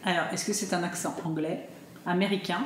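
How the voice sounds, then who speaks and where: A woman's voice: lowish voice, steady tone, brisk. A middle-aged woman, a mother and vlogger, chatting casually with her family and laughing often. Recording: echoey with faint noise.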